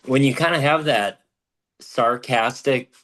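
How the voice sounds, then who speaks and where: A man in a coaching program reflecting on honesty, halting and thoughtful. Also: medium pitch, fairly bright tone. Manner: reflective, halting, restarts often. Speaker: program participant. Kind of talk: group coaching call.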